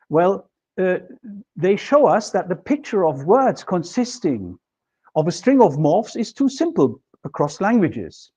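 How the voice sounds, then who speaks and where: Recorded by a camera at the far side of a classroom with a projection screen, the lo-fi, dull audio captures a middle-aged German man lecturing on linguistics. German is his native language; his voice has a dark tone, though slightly high for a man. He explains carefully, step by step, writing on the board as he talks.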